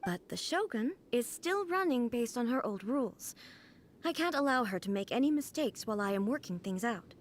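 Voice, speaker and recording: A woman's voice: on the high side, moderate pace, close to an everyday voice. A woman playing a stiff, cold puppet ruler. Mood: calm. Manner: flat, formal, clipped commands. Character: cold, stiff female puppet ruler and her calm divine self. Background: game music.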